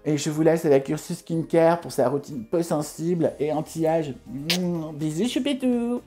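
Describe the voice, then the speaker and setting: A man's voice: on the high side, a little slow, darkish tone, faint music behind, voice pushed up, lightly acted. A man voicing a vain, ditzy, money-loving female beauty influencer in a parody vlog, gushy and affected. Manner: affected, airheaded, hesitant.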